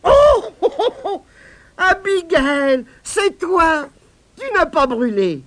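A man voicing a tender-hearted little boy in a children's story, speaking in a high, pleading way. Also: a little slow. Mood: overjoyed.

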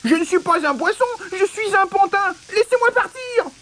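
A man's voice: very high voice, expressive, moderate pace, pushed and bright, a little hiss or hum, pitched above the performer's own voice, heavily acted. A man voicing a frightened little wooden puppet boy who pleads anxiously. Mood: pleading.

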